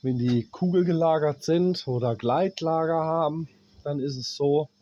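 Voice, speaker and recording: A German-accented appliance repairman with a cold, coughing as he goes, explains a dryer repair in blunt, plain terms and swears at cheap gear. His voice is mellow and on the high side, the recording muffled with slight background noise. He stops to check parts, talking to himself.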